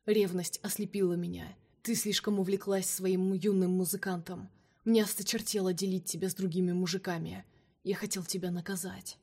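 A woman voicing a cunning male vampire king held captive, speaking softly and coaxingly in a storybook reading. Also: lowish voice, little pitch movement, normal speed, breathy edge. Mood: seductive. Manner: soft, velvety, coaxing.

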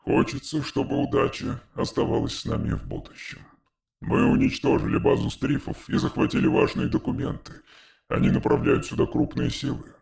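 A man's voice: medium pitch, expressive, moderate pace, gravelly, a little mellow. A man voicing an alien who speaks through a metallic translator machine, in an audiobook reading. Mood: calm. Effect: distant metallic machine voice.

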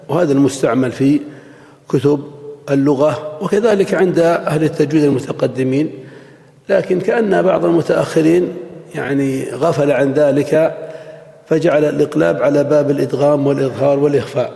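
A man with a gravelly, mellow voice gives a classical grammar lesson in a lecture hall. He speaks slowly and repeats words to drill their pronunciation, and the hall adds a long echo. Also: fairly high pitch. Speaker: Arabic morphology teacher. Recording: echoey hall.

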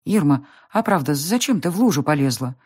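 Woman voicing a gentle, wistful housewife. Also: low voice, expressive, a little fast, slightly rough. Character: kind adult woman, curious and fond of children. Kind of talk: audiobook character voice.

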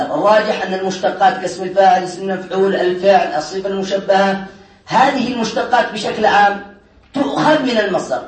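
A man teaching a grammar class, lecturing and constantly quizzing his students to check they follow. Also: high-pitched. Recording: echoey room, mic far off.

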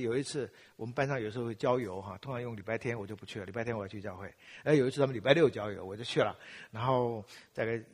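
Husky older man preaching in a hall. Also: mid-range voice. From Taiwan. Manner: animated storytelling, self-mocking humor, acts out his own prayers. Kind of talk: sermon with personal testimony.

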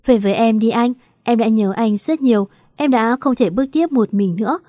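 A woman's voice: a little high, moderate pace, dark tone, no room sound, studio quality, lightly acted. A woman reading the lines of a torn, tearful young woman in an emotional, questioning lament. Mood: pleading.

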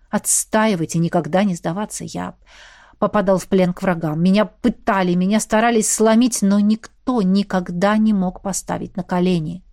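A woman voicing a brooding male warrior who speaks softly and intimately, recorded dry and close. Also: medium pitch, no echo, natural voice. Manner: soft, hushed, intimate. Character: brooding male warrior lover, low and tender.

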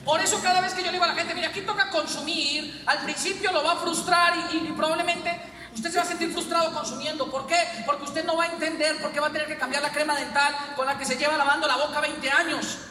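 A man giving an animated motivational seminar talk full of stories and jokes to a live audience. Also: very high-pitched, quick pace. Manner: animated, storytelling, jokes with the crowd. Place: large hall with an audience. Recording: echoey hall, distant mic, crowd and noise.

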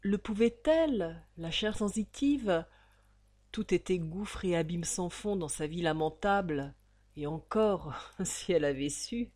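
A woman reading a novel aloud as an audiobook narrator, in an expressive, theatrical manner. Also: lowish voice, takes it slowly. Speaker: audiobook reader.

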